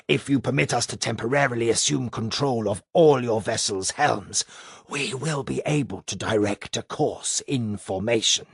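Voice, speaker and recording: A man reading an audiobook, voicing an alien male envoy with a rough, papery voice and a slow, formal delivery. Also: medium pitch, no room sound, studio quality. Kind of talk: audiobook character voice.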